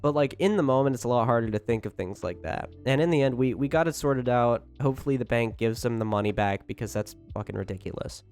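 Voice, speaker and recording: Talking at a quick pace with hardly any pauses, a man with a darkish, mid-range voice hosts a casual livestream. He rambles on to his chat, chatty and informal with swearing, while music plays.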